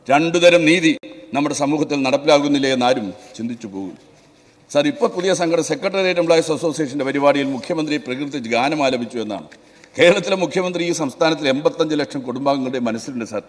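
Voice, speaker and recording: A man's voice: fairly high pitch, fast talker, big-room sound. A man giving an emphatic speech on an assembly floor, repeatedly addressing the chair as sir, into a desk microphone. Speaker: legislator. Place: large legislative assembly hall.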